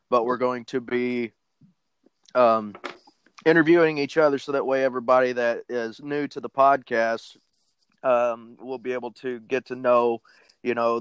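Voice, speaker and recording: A man's voice: mid-range voice, smooth, dry recording, low-quality recording. A man chatting casually on a group call, rambling with many fillers and restarts. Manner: rambling, filler-heavy, self-correcting. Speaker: podcast co-host guest.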